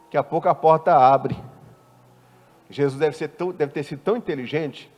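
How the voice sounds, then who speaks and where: A man preaching a sermon, animated and often questioning the congregation with playful asides. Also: fairly high pitch, a little fast. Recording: long church-hall reverb.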